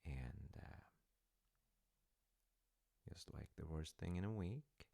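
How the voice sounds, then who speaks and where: A man acts as a gentle, attentive, slightly awkward middle-aged dad having tea, in a soft-spoken, wholesome audio roleplay addressed to the listener. His low, gravelly voice is exaggerated, with lively intonation, and he sounds hopeful and thoughtful. He speaks hesitantly and reassuringly, pausing as he thinks.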